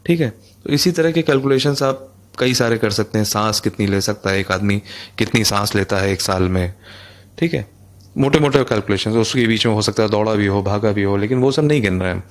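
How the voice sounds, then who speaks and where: A man's voice: fairly low pitch, fairly quick. A man teaching a physics lesson, explaining in a chatty, conversational way and repeating phrases as he goes. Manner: conversational, addresses listeners as bhai, repeats phrases. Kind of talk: explanatory lecture.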